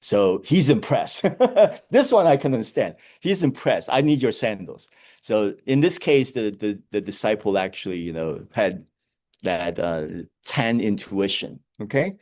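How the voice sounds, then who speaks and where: Animated man telling koans in a lecture. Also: lowish voice, a little slow. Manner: animated storytelling, chuckles often.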